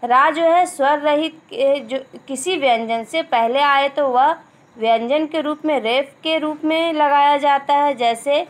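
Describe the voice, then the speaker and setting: A woman teacher explaining a grammar lesson step by step, repeating key terms and slowing down on each example word. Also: high-pitched. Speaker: school teacher.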